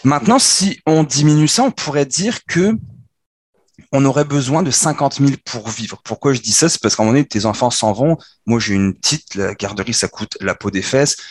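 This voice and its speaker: A man in his thirties with a Québécois accent, casually explaining personal finance on a podcast with quick, animated restarts. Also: medium pitch, husky, no room sound. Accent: Québécois French.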